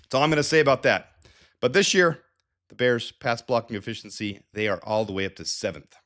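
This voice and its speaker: With a mid-range voice and a fairly quick pace, a man hosts a sports analysis show, going over stats casually. A head cold leaves him a bit nasal and stuffed-up, and his energetic chatter is dotted with restarts and side comments.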